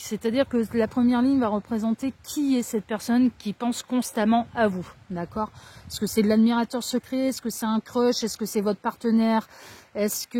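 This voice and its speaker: A woman's voice: on the high side, dark tone, no echo. A woman reading tarot cards in French, who talks casually and rambles into asides with many fillers. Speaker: tarot card reader. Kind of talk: casual card-reading monologue.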